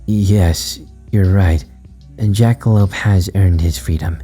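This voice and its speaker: A man's voice: deep voice, steady tone, slow, dark tone, soft background music. A man voicing a cruel, many-armed monster parent in a horror story reading, speaking in a cold, commanding way. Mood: grudging.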